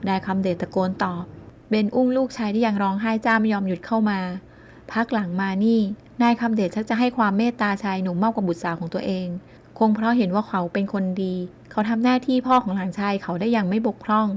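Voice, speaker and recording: A woman narrating a novel as an audiobook. Her reading is measured and even, at a middle pitch. It is scripted storytelling. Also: slight background noise.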